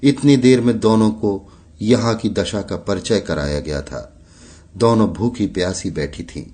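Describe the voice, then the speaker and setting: A man reading a classic Hindi short story aloud in a measured, literary way. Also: on the low side, warm tone. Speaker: audiobook narrator. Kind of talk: scripted story narration.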